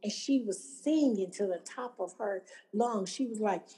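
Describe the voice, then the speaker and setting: A woman's voice: mid-range voice, measured pace, warm tone, poor audio. A woman telling her own recovery story to an audience, acting out what others said. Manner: storytelling, acting out quoted voices. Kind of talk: personal testimony to an audience.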